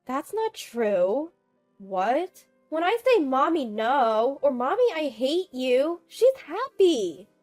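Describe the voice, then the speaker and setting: A woman doing a small sobbing boy, high and whiny. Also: very animated, slow, darkish tone, soft background music, heavily acted. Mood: tearful.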